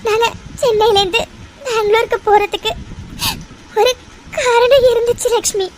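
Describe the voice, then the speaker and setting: A shrill, tearful cartoon mother, with faint hiss behind her. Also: lively intonation, brisk. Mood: sorrowful. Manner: emotional, pleading delivery. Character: anxious, tearful mother of three, a woman. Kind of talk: cartoon dubbing. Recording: faint background noise.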